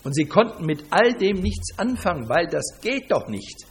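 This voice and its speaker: Husky, animated male preacher. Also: high-pitched, moderate pace. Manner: lively, emphatic, rhetorical questions. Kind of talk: sermon retelling a scripture story.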